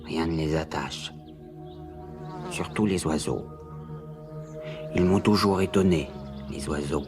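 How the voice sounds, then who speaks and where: An actor playing a brooding man who muses slowly and coldly, in the style of film dialogue. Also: very deep voice, full character voice. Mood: cold, ominous. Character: brooding, slow-spoken man musing coldly on killing birds. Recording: music loud behind the voice.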